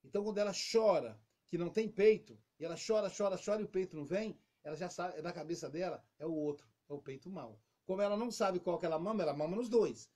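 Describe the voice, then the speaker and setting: A man with a high-pitched voice speaks as an interview guest. He explains things in a lively storytelling way and acts out little quotes along the way. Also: quick pace, few pauses.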